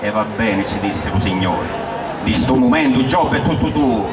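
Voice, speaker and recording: A man with a thick Sicilian accent recites dialect verse aloud like a storyteller, declaiming line after line. His mid-pitched voice reaches a distant microphone in a roomy, echoing space. There is clear noise behind him. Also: lively intonation, moderate pace.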